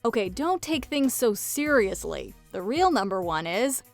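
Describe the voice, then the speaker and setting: A woman's voice: on the high side, sing-song, measured pace, creaky, no room sound, faint music behind. A woman narrating a scripted pop-culture countdown video.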